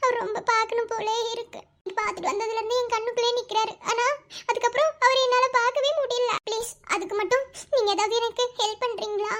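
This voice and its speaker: Cartoon young girl voiced by a performer, earnest, high and quick, pleading through tears. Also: fairly even intonation, a bit bright, a little hiss or hum. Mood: tearful. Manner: pleading, emotional, tearful. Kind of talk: animated cartoon voice acting.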